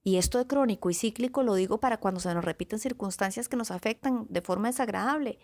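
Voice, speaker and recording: A woman motivational speaker giving a calm, reflective podcast talk, listing words one by one with pauses and often checking in with her listeners. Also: medium pitch. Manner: often checks in with the listener with a soft question tag. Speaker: motivational speaker on self-awareness.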